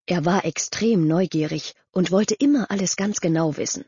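Husky woman narrating a young-adult novel, low voice, dry lo-fi sound. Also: moderate pace, mellow, dry recording. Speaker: audiobook narrator. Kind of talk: scripted narration. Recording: dull lo-fi audio.

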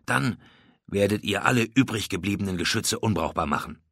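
A man's voice: lowish voice, expressive, a little fast, a bit bright, breathy edge, no echo, studio quality, full character voice. A man voicing a bold, self-assured male pirate captain who barks orders, in a storybook reading. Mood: cool, assured.

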